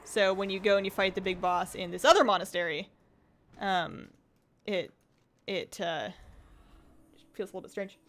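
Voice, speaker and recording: A woman game streamer chats casually and rambles as she plays, reading viewer comments aloud, her voice a little strained from talking. It's mid-range, steady in tone and a bit bright, at a moderate pace with long pauses.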